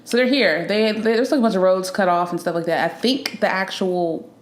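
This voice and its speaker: A woman's voice: lowish voice, a little fast. A young woman co-hosting a podcast in casual chat, laughing often and rambling a little. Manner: laughing, chatty. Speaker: podcast co-host. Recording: echoey room.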